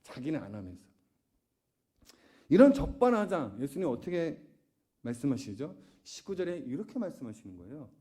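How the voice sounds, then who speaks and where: A man's voice: a little high, sing-song, normal speed, long pauses, dark tone. A man pastor preaching a sermon, often putting questions to the congregation. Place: church sanctuary.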